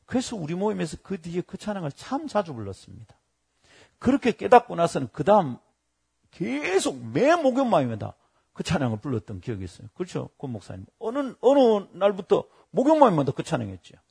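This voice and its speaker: A man's voice: sits high, fairly quick, creaky, slightly rough. A middle-aged male pastor, preaching a sermon and telling stories, acting out the people he quotes. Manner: lively storytelling, acting out quoted voices.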